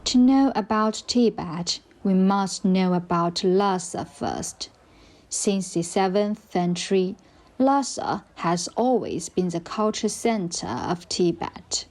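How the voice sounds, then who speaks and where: A woman reading scripted documentary narration in a measured, even way. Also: fairly low pitch.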